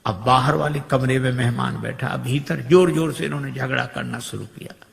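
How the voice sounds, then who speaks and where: A man preaching a storytelling sermon, lively, acting out the voices of the characters in his tales. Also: medium pitch, normal speed, vocal fry. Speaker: spiritual preacher. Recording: long hall reverb.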